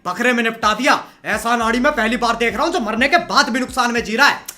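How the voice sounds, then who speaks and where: A man's voice: very high voice, fast talker, bright, forceful tone. A man hosting comedic roast commentary, mocking clips in a sarcastic way. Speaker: host.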